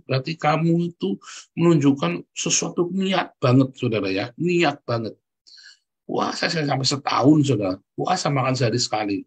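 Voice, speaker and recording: Middle-aged male preacher, husky timbre, emphatic pulpit delivery. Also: mid-range voice. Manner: emphatic, keeps addressing the congregation as "Saudara". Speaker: pastor. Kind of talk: sermon.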